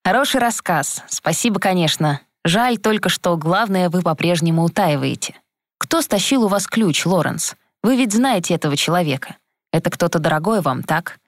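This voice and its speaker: A weary, sharp-tongued male detective, as a woman reader puts him on drawls his words slowly, half mocking. The voice sits low and sounds close and dry. It fits an audiobook. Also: lively intonation, no room sound. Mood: probing. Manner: slow, drawling, sarcastic.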